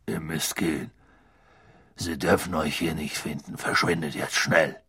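A man voicing a huge, gruff but gentle half-giant gamekeeper in a storybook reading, urgent and protective. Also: fairly even intonation, a little slow, no room sound, studio quality, heavily acted. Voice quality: deep husky rumble. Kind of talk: audiobook character voice.

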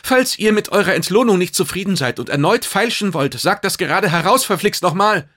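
A man's voice: high-pitched, fairly quick, voice pushed up. A man voicing an impatient, jittery young bird-like creature in an audiobook. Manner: impatient, clattering, excited.

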